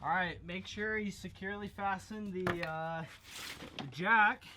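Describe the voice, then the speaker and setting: A man talks through a brake replacement in a relaxed, joking way, with plenty of "uh"s between steps. His voice sits a bit high for a man. A faint hiss of background noise runs under the recording. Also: unhurried. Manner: relaxed, jokey, with many fillers. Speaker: DIY mechanic demonstrating a brake job. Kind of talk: casual how-to walkthrough.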